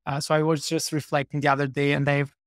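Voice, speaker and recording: Man, from Portugal, 30s, podcast guest, flat even delivery, dry sound. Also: on the high side, quick pace, no room sound. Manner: chatty, many fillers and restarts. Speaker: guest, startup co-founder. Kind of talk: casual interview talk.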